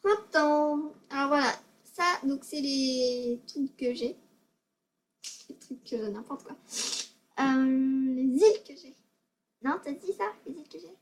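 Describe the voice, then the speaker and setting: A woman's voice: high-pitched, slow pace, slight background noise. A female gaming video maker giving casual tutorial commentary, hesitant and self-conscious, often stammering and repeating words.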